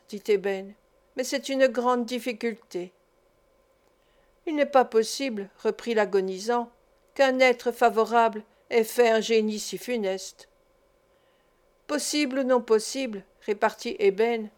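A woman reading a philosophical tale aloud as an audiobook, in a measured, even storytelling manner. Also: on the high side. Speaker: audiobook reader. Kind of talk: literary audiobook narration.

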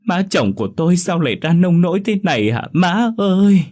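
A man's voice: sing-song, fairly quick, darkish tone. A man voicing a middle-aged daughter-in-law who wails theatrically at a funeral, putting on grief. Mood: wailing. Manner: theatrical shrill wailing.

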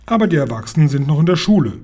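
A man voicing a busy, matter-of-fact young boy who answers in a hurried, offhand way in a storybook reading. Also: fairly high pitch, big pitch swings, mellow, slightly rough.

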